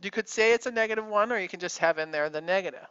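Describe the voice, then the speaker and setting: A woman teaching a recorded math lesson in a casual, chatty way, with fillers and quick self-corrections as she thinks aloud. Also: medium pitch, a bit bright, smooth, highs cut off.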